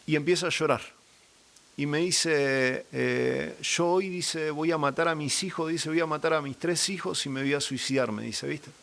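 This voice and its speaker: A young man shares an earnest faith testimony as a guest. His voice sits a little high for a man, and he acts out the lines of everyone in his story. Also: moderate pace, vocal fry, fairly bright tone. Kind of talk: personal religious testimony.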